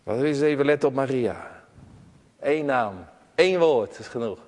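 A man preaching a sermon in a church, expressive and full of rhetorical questions. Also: medium pitch, moderate pace, big-room sound.

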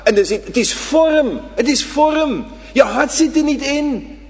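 A man preaching a sermon to his congregation, swinging between loud emphatic lines and hushed ones. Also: very high-pitched, expressive, measured pace. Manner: addresses the congregation directly. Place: church. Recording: reverberant church hall.

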